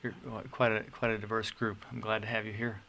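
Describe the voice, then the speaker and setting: Gravelly, bright-voiced male interview host. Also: lowish voice, little pitch movement, a little hiss or hum. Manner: measured, with frequent fillers and restarts. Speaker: radio show host. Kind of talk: hosting a panel interview.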